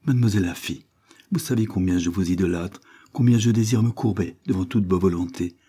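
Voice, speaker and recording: A man's voice: low-pitched, fairly quick, mellow, slightly rough. A man voicing a small, lovestruck grocer who talks eagerly and effusively. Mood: pleading.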